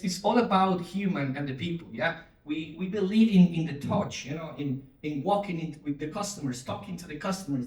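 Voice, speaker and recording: A man with a fairly high voice gives a conference keynote as his company's CTO. He is engaging, invites audience responses, and often uses fillers and restarts, recorded in an echoey large hall through a distant mic.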